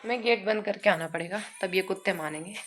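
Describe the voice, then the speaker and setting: A woman's voice: mid-range voice, quick pace, noisy background. A young woman vlogging casually at home, cooing and baby-talking to her infant son between remarks to viewers.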